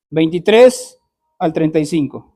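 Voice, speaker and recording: A man preaching a sermon, reading scripture aloud with loud emphatic rises and asking the congregation questions. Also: on the high side. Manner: preaches with rising loud emphasis, frequent throat clearing.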